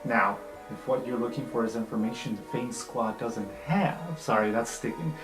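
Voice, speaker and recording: A man with a mid-range voice narrates an improvised tabletop game as game master, talking at normal speed. His tone is casual and conversational, with some swearing. The recording sounds roomy, with background music underneath.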